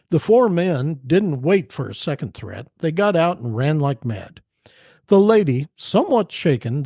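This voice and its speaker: A man hosting a podcast, telling jokes and funny stories in an animated, casual way. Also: a little high, no room sound, clean studio sound. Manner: animated storyteller. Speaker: podcast host. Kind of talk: casual joke-telling chat.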